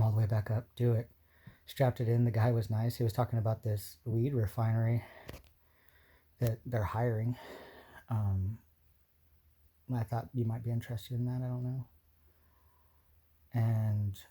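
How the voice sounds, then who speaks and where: An emotional man near tears, talking to a partner in a rambling, halting way with nervous laughs and many restarts. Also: fairly low pitch, warm tone, slightly rough. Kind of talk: personal video message to a partner.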